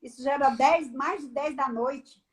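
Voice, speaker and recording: High-voiced woman giving a testimony. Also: normal speed. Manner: animated storyteller, acts out the dialogue. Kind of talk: personal testimony on a live stream.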